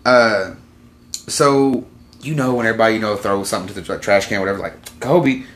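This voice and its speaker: Male podcast host, low-pitched, crude and easygoing, faint background noise. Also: quick pace, fairly bright tone. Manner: crude, laid-back storytelling. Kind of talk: casual chat.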